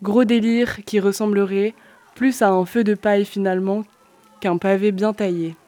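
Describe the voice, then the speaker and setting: A woman's voice: medium pitch, fairly even intonation, moderate pace, warm tone, no echo. A woman reading surreal, free-associating poetic text in a playful, dreamlike way on a small event radio. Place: makeshift radio at a summer gathering.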